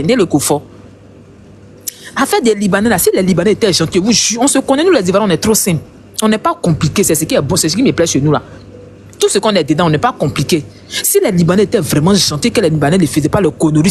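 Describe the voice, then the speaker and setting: A man's voice: high-pitched, slight background noise. A man with an Ivorian accent giving heated online commentary, passionate and emphatic, repeating his points.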